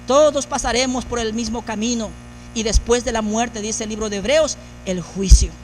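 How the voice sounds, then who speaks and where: A man's voice: extremely high pitch, fairly even intonation, moderate pace, a little hiss or hum. A man preaching a sermon as pastor, building emphasis through repeated phrases. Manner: preaching with rising, emphatic repetition.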